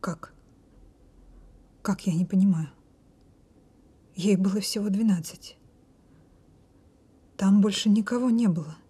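An actress playing a distraught, guilt-ridden woman patient in an audio drama, breathy and halting, often dropping toward a whisper. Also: on the high side, dark tone. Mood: stunned, hushed. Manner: slow, halting, repeating words.

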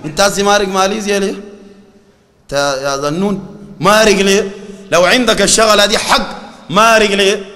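A man with a Sudanese Arabic accent giving a colloquial sermon, animated and mocking, often quoting scripture. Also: high voice, fairly quick, long pauses, big-room sound. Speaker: preacher.

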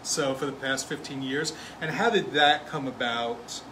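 A man's voice: mid-range voice, unhurried, bright, forceful tone, a little hiss or hum, low-quality recording. A man in a band hosting a casual live question-and-answer session, easygoing and agreeable as he prompts his bandmate with questions.

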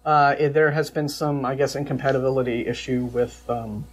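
A man's voice: medium pitch, fairly even intonation, a little fast, slightly rough. A man in his thirties co-hosting a call-in show, talking casually and giving his opinions in a conversational way. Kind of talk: casual panel talk. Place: small TV studio.

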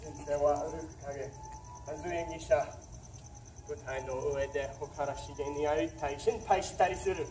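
A man reciting verse on stage in a slow, measured way. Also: on the high side, steady tone. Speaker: performer reciting translations. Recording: echoey stage from far off, clear noise.

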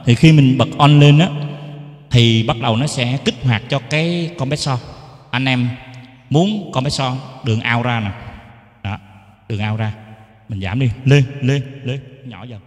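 A man explains keyboard mic settings in a relaxed teaching tone. He tests each change with quick sung syllables. His mid-pitched voice rings in a reverberant room with a long echo tail. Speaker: keyboard sound tutor. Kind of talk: casual how-to demonstration.

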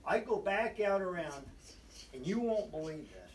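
A man's voice: sits high, lively intonation, moderate pace, far from the mic. A man telling a rambling hunting story, backtracking and restarting as he goes. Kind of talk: casual hunting tale told aloud. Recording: roomy sound from away from the mic.

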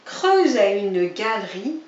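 A woman reading a children's storybook at an unhurried pace, her pitch rising and falling expressively. She speaks directly to a young listener. The sound is echoey and dull, as if the mic were far off. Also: sing-song, darkish tone. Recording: dull, roomy, distant recording.

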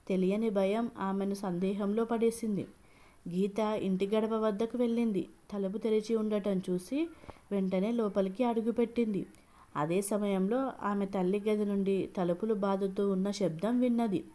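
A woman's voice: mid-range voice, warm tone. Woman narrating a storybook. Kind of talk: scripted narration.

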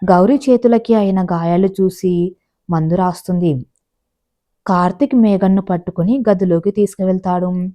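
A woman narrating a family drama story in a plain, steady storytelling manner. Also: on the low side, normal speed.

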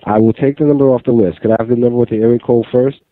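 A man's voice: medium pitch, fairly even intonation, rapid-fire. A man working as a customer service agent, speaking politely and formally on a call. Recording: tinny, band-limited telephone line.

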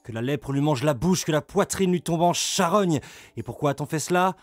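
A man voicing a brawny, furious medieval lord who speaks loud, coarse and vehement, with soft music behind. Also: medium pitch, animated, normal speed, dry recording, lightly acted. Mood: raging.

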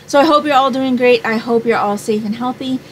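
A woman's voice: a little high, a little fast, slight background noise, poor audio. A woman in her forties, from Hawaii, chatting to camera as a home fragrance vlogger in a small room at home, rambling and thinking aloud. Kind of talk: casual chat to camera.

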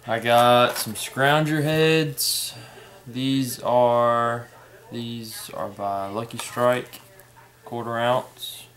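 A young man casually unboxing fishing tackle at a table indoors, unhurried, naming each item as he opens it. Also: mid-range voice, steady tone, fairly bright tone. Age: young adult. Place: indoor room at a table with plants. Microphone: camera in front at table distance.

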